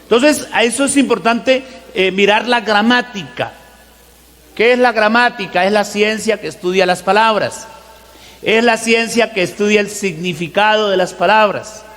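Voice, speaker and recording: A man delivers a teaching sermon, posing rhetorical questions to the congregation and slowing down to emphasize scripture verses. His voice is high and somewhat bright, and the recording has a long hall reverb.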